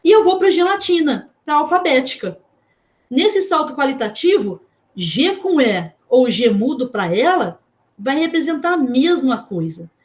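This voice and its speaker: A woman with a Brazilian Portuguese accent teaching a class. She explains step by step, asks questions and spells out letters slowly. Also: high-pitched, very animated. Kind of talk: online class lecture.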